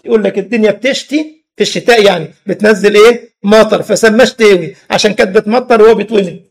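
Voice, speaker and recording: A man's voice: high voice, fast, gravelly. A man from Egypt with an Egyptian Arabic accent, preaching a religious lesson with humorous stories and many rhetorical questions. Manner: animated, rhetorical questions, laughs at own stories.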